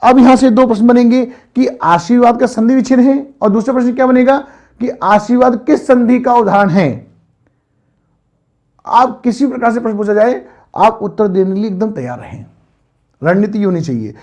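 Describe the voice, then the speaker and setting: A man's voice: very high-pitched, moderate pace, darkish tone. A man teaching an online grammar lesson, patiently asking and answering questions for his students over and over. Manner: patient, repetitive quizzing of students.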